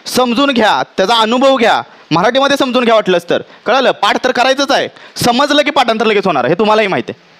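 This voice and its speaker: A man with a Marathi accent teaching physics to a classroom, checking often whether students understand and dictating definitions slowly. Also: very high voice, fairly bright tone. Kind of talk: classroom lecture.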